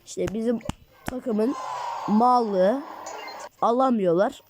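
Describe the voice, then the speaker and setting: A woman giving casual gameplay commentary, getting excitable and cursing at her teammates. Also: a little high, extremely slow, background noise. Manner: excitable, rants and curses at teammates. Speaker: gaming channel host.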